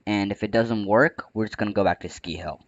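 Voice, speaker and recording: A man's voice: on the low side, fairly even intonation, brisk, no room sound, lo-fi sound. A man with the hiccups, chatting casually over gameplay, with a bit of playful trash talk. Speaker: gaming channel host. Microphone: close desk microphone.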